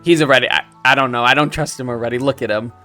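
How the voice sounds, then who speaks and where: A man with a medium-pitched voice talks rapid-fire while hosting a let's play. His casual gameplay commentary is animated and chatty, and he reacts aloud to the game as he plays. Guitar game music plays in the background.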